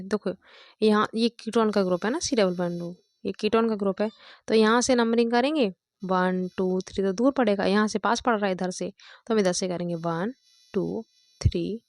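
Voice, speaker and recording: A woman's voice: medium pitch, no room sound. Woman teacher, patient step-by-step explanation, counts aloud, dry close sound. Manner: counts out loud, checks with "thik hai" and "dekho". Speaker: chemistry teacher.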